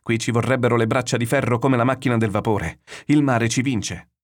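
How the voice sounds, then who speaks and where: A man's voice: mid-range voice, steady tone, brisk, pitched above the performer's own voice, natural voice. A man voicing a blunt, hot-headed young fisherman who curses at the sea. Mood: blunt, agitated. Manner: blunt, cursing.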